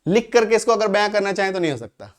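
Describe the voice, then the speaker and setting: Man from India, high voice, English grammar teacher, step-by-step explanations, slows down for examples. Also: expressive. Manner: explains step by step, often checks with 'okay, clear?'; slows right down when reading out English examples. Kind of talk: grammar lesson.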